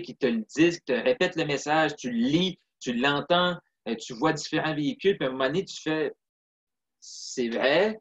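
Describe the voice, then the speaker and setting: Québécois guy talking it through earnestly in an interview, mid pitch, kinda muffled lo-fi audio. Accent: Québécois French. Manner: reflective, earnest, frequent "tu sais" and "puis". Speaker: interview guest, sales closer. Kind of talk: casual interview talk. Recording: slightly dull lo-fi sound.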